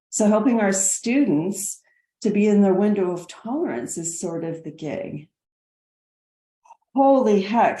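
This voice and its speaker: A woman's voice: sits low, dark tone, roomy sound. A woman, a nursing educator, explaining slides in an earnest way and often repeating words as she goes.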